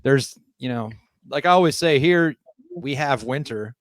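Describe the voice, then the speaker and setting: A man's voice: medium pitch, a little slow, no room sound. A man from Canada, a guest on a casual streamed chat, joking around, laughing and swearing freely.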